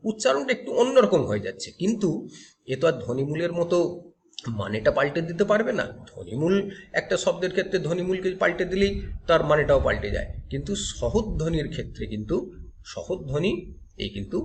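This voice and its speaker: A man's voice: a little high, a little hiss or hum. A male teacher giving a grammar lecture, explaining step by step and asking and answering his own questions. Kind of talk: classroom lecture.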